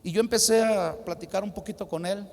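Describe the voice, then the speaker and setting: A man preaching a sermon as a pastor at a youth congress. He talks with emphasis and drops to a hushed tone for a personal story. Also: high voice, a little fast. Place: large hall at a youth congress. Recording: reverberant hall.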